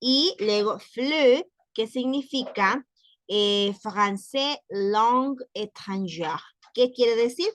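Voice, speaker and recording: A woman's voice: a little high, slow pace, dry recording. A woman teaching French to Spanish speakers in a recorded lesson, patiently repeating and explaining words. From Latin America.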